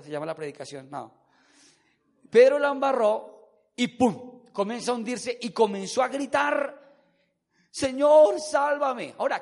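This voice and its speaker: High gravelly preacher. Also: male voice. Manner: animated storytelling, asks the congregation to repeat words. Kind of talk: sermon.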